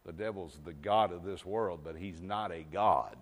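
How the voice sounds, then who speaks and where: A male pastor delivering a sermon, repeating phrases and swinging between hushed and loud, sometimes joking with the congregation. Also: low voice, normal speed. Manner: jokes with the congregation. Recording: long hall reverb.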